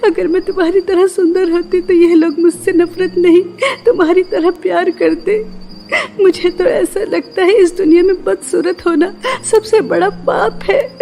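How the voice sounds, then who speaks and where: A woman voicing a sad, gentle young woman in an animated story, talking tearfully about being unloved. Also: very high-pitched, measured pace, vocal fry, full character voice. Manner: tearful, self-pitying.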